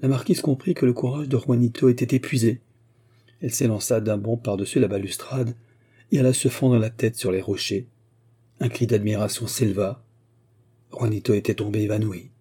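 Dark, husky male audiobook narrator. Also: medium pitch, fairly even intonation, normal speed. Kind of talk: classic literature audiobook narration.

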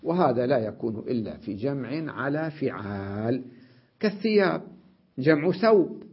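A man's voice: mid-range voice, very animated, moderate pace, husky, muffled recording. A man teaching an Arabic grammar lesson, explaining step by step, repeating words and checking with his students.

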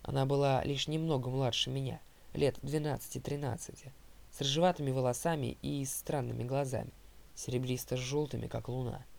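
A male audiobook narrator tells the story in a steady first-person voice. His gravelly, creaky tone sits in the middle of the male range, and he reads fairly quickly.

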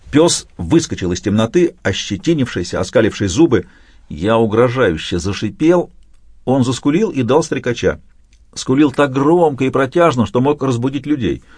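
A man narrating an audiobook in the first person, with a dramatic, expressive reading. His voice sits at an ordinary middle pitch and is recorded close and dry, with no room sound. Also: breathy edge, no echo.

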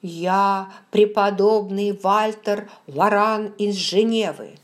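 A woman's voice: on the low side, slow, mellow. A woman voicing a timid, half-starved pastor. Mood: timid, anxious. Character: frightened, starving male Protestant pastor, timid and earnest. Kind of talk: audiobook character voice.

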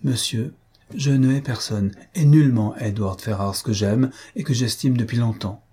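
A man's voice: medium pitch, moderate pace, mellow, husky, lightly acted. A man voicing a dignified young woman who speaks in a firm, restrained manner.

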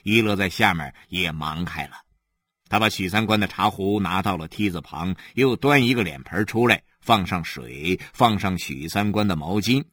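A man narrating a novel aloud in an animated storytelling manner. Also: sits low, moderate pace, breathy edge. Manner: animated storytelling, many voices. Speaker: audiobook narrator. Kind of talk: expressive literary narration.

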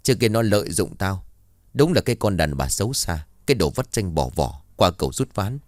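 A man's voice: low-pitched, big pitch swings, brisk, darkish tone, no echo, clean studio sound. A man voicing a bitter, vengeful old village man who grumbles.

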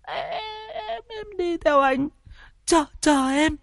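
A man voicing a possessed young woman in labor who cries out in shrill, stuttering wails in a ghost story. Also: animated, extremely slow, vocal fry, fairly bright tone, dry recording, studio quality, full character voice. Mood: crazed.

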